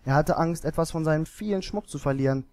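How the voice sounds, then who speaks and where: A man narrating a fairy tale in an expressive storybook manner. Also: a little high, fast talker, no room sound.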